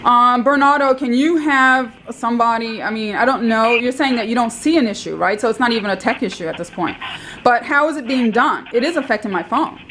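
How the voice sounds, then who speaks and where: A woman's voice: fairly high pitch, a little fast, fairly bright tone, slight background noise. A woman calling tech support, talking in a rambling, insistent way and repeating herself. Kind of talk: phone call recorded by caller.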